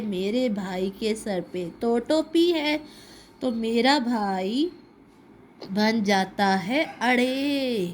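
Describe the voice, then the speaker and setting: A woman teaching a children's alphabet lesson, drawing out letter sounds slowly and asking questions she answers herself. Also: a little high, a little hiss or hum. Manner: slow, drawn-out repetition of letter sounds.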